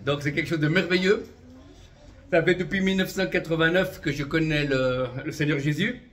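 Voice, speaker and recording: This man in his fifties, born in Vietnam, speaks briskly in a slightly high, fairly bright voice. As a traveling prophetic minister giving his religious testimony, he is fervent, frequently dropping in "amen" and "voilà" and chuckling lightly.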